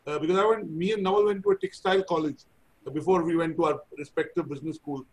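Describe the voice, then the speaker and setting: High-pitched middle-aged Indian-accented man. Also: steady tone, fast, low-quality recording. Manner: chatty, anecdotal, self-deprecating. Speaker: interview host. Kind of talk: conversational interview. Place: indoor room, video call. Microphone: video call.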